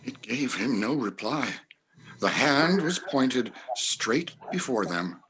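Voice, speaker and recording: A man reading a classic story aloud as narrator, in a grave, measured, deliberate manner. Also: mid-range voice, big pitch swings, fairly bright tone, a little hiss or hum, poor audio. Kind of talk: scripted dramatic story narration.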